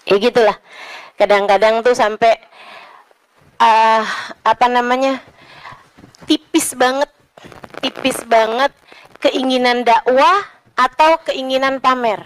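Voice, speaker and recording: A woman preacher delivering an Islamic sermon, telling stories with acted voices and dropping to hushed, earnest tones. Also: fairly high pitch, takes it slowly, pauses often, smooth, dry recording, rough recording. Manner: lively storytelling, acts out voices in quotes, drops to hushed tones.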